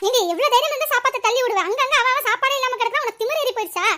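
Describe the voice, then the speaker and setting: A woman voicing a hot-tempered cartoon mother who scolds her children quickly and sharply. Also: sharp tone, a little hiss or hum. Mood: scolding. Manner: scolding, rapid, shrill. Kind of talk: cartoon voice acting.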